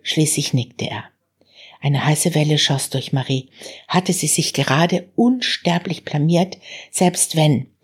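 A woman narrates an audiobook in a calm, measured manner. Her voice is low and husky, and the reading is steady throughout.

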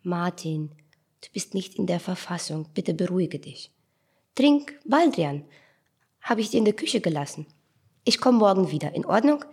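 A woman voicing a gentle, caring but weary man with a soft, hushed voice in an audiobook. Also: mid-range voice, sing-song, moderate pace, breathy edge. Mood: soothing.

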